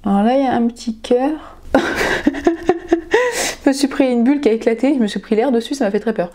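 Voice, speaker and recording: A woman's voice: on the high side, quick pace, warm tone. Chatty young woman unboxing nail products. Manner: chatty and enthusiastic, gushing over products. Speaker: nail vlogger. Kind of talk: casual haul unboxing vlog.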